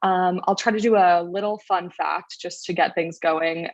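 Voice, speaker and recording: A woman's voice: lowish voice, fairly even intonation, normal speed, no room sound. A young woman from Rhode Island hosting a casual livestream Q&A over a video call, welcoming and organized. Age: young adult. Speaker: panel moderator. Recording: dull, dry lo-fi call audio.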